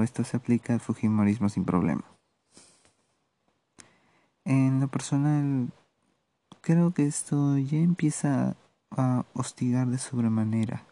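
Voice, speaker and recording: A man with a Peruvian accent hosting a solo podcast, giving political commentary in a measured, sardonic way with halting pauses. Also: medium pitch, warm tone. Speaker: podcast host.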